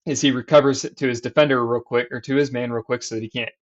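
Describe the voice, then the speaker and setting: A man's voice: medium pitch, fairly even intonation, fast talker. A man, a basketball coach, explaining defense in a voice-over over diagrams and game clips, with restarts as he points things out. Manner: explanatory, restarts and fillers while drawing on screen. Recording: slightly dull lo-fi sound.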